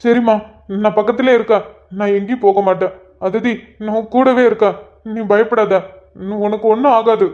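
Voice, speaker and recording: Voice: mid-range voice, fairly even intonation, normal speed, lo-fi sound, close to an everyday voice. A young husband in a cartoon, fretful and pleading, who keeps repeating himself. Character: devoted, worried young husband. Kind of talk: cartoon voice acting.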